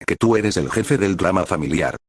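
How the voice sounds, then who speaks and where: Guy doing an older hero, nervous and sweaty, deep. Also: expressive, moderate pace, slightly rough, no echo, studio quality. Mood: flustered. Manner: flustered, sweating.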